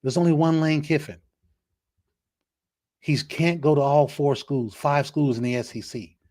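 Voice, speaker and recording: A man's voice: on the high side, measured pace. Blunt opinionated sports talk man. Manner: blunt, opinionated, repeats words when excited. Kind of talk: solo sports rant.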